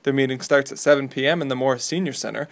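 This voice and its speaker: A man's voice: mid-range voice, fairly even intonation, rapid-fire. A man with an American accent reading scripted local news as a radio newsreader.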